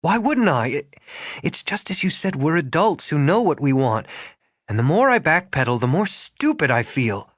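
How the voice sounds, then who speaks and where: A man voicing an anxious young woman who is orderly yet flustered, speaking fast and rising in pitch. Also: big pitch swings, dry recording. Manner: quick, rising, flustered delivery. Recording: dry close studio sound.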